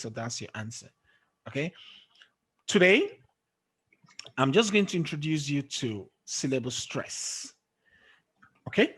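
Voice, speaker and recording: A man's voice: mid-range voice, breathy edge. A man teaching an English pronunciation lesson over a video call, checking often that his student follows. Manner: checks understanding often with "okay?". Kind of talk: online tutoring lesson.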